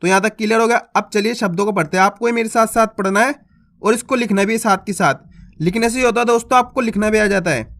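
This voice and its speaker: A man teaching reading, sounding out syllables slowly and asking and answering his own questions. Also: sits high, fairly bright tone. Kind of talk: teaching children to read.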